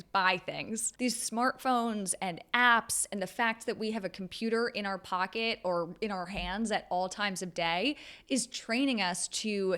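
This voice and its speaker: Woman doing a reflective vlog, medium pitch, chatty but thoughtful, pauses mid sentence. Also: fairly bright tone. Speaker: video creator. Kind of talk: reflective talking-to-camera commentary.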